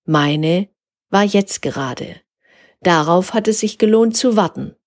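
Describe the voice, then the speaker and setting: A woman voicing a touchy but well-mannered talking bag of crisps in a storybook tale. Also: lowish voice, slow pace. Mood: content. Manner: indignant, then quietly content.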